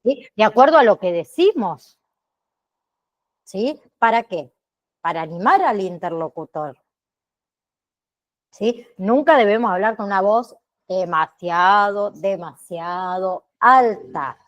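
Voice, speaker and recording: A woman teacher giving an online class lecture, speaking deliberately and checking in with frequent tag questions. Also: mid-range voice, expressive. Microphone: computer mic on a video call.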